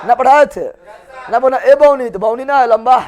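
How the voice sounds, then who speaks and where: Male teacher, very high voice, chants call-and-response in a classroom with students faintly answering. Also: normal speed, a faint crowd. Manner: chanting call-and-response, repeats answers loudly, scolds playfully.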